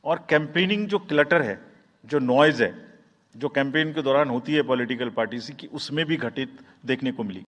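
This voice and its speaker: A man with an Indian English accent giving a formal press conference speech as an election official, measured and deliberate, with pauses and restarts. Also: mid-range voice, fairly bright tone. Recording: long hall reverb.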